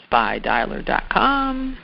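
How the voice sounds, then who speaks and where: Speaking slowly with huge pitch swings and vocal fry, this high-voiced sales trainer explains his material step by step in a conversational style, going back over the main points. There's no echo, but the sound is dull and lo-fi.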